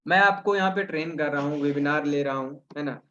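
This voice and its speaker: High-voiced man teaching over a webinar. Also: fairly quick, pushed and bright, lo-fi sound, a little hiss or hum. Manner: asks himself questions and answers them, with frequent "है ना?" tags. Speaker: webinar trainer. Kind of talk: explanatory teaching talk. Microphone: video call.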